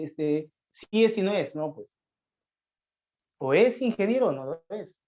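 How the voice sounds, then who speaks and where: A man teaches a math lesson in a mellow, dark voice. He takes on his students' questions and answers them, often slowing to a dictation pace. The recording is dull and lo-fi. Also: on the high side. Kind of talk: classroom lecture on logic. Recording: dull lo-fi sound.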